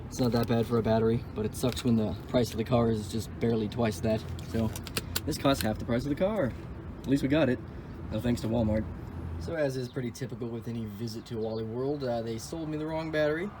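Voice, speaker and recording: Working on his car, a young vlogger thinks out loud in an offhand, fairly quick way, breaking off now and then for sarcastic jokes. His voice stays at a normal mid pitch over constant background noise in this casual vlog.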